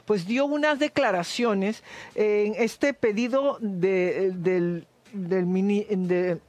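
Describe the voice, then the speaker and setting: A man hosting a TV interview, halting and searching for words as he talks. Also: high voice, a little mellow, no room sound. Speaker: talk show host. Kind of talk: live TV interview.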